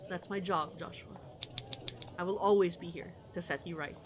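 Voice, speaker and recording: A woman voicing a gentle, wise male church dean in a visual novel, formal and kindly. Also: fairly low pitch, steady tone, moderate pace, noisy background, natural voice. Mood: gentle, reassuring. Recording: music behind the voice.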